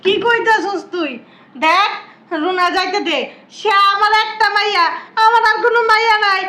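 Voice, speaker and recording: A woman's voice: extremely high pitch, steady tone, moderate pace, pushed and bright. An actress playing a grieving widowed grandmother who wails her lament in a sing-song voice, with a colloquial Bangladeshi Bengali accent. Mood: pleading. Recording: echoey room.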